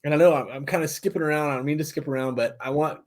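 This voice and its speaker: A man's voice: a little high, racing, a little mellow. Chatty man hosting a podcast. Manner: chatty, self-deprecating, asks loose questions. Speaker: podcast host. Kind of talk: casual interview chat.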